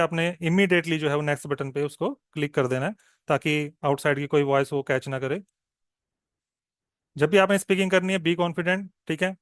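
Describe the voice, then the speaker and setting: Teaching an online exam-prep lesson, this male exam coaching tutor has a higher-pitched, smooth and clear voice. He moves between Hindi and English, often asks "okay?", and turns slow and deliberate when modelling answers, recorded at studio quality without echo.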